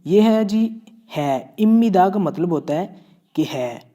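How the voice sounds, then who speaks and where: A man's voice: high-pitched, lively intonation, slow pace, dark tone, dull audio. A man from Pakistan with a Pakistani Urdu accent teaching Korean vocabulary, patiently repeating each word and checking in often. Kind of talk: classroom-style vocabulary lesson.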